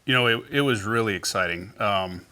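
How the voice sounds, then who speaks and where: A middle-aged man, a company founder, telling relaxed stories in an interview, with lots of fillers and restarts. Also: on the low side, brisk. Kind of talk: casual interview storytelling.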